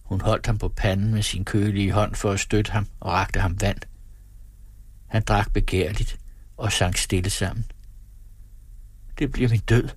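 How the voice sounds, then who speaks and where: A man reads a novel aloud in a low voice. His tone is husky, and the recording is dry and close. The storytelling is even and measured. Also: dry recording. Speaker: audiobook narrator. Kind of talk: scripted narration.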